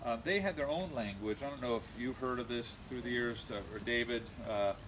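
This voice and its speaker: Speaking as the nephew at an informal eulogy, a middle-aged American man from California reminisces with halting speech and many pauses. His voice is mid-range. The recording is amateur and noisy, with a steady hum of background noise.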